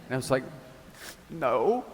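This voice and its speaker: Low-voiced priest preaching in a reverberant hall. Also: male voice, unhurried, background noise. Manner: conversational, animated storytelling with casual asides. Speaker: parish priest. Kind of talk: homily.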